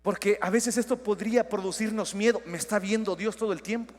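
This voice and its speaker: A man preaching a sermon as pastor, with emphatic lines that swing between loud declarations and hushed asides. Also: sits high, fairly even intonation, brisk. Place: church sanctuary. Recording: long hall reverb.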